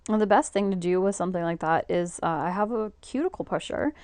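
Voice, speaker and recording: A woman talks her way through a nail tutorial in a loose, rambling, chatty manner. Her voice sits on the low side and comes across smooth and clear. The sound is close and dry, with no room around it. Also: fairly quick, a little mellow, dry recording. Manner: chatty, rambling, laughs easily. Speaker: nail technician. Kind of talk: casual tutorial narration.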